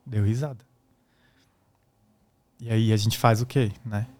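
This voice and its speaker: A man's voice: lowish voice, fairly even intonation, slow pace, mellow. A man, a guest musician, telling a personal story in a casual way and acting out the voices of the people in it. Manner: acts out the voices in his stories.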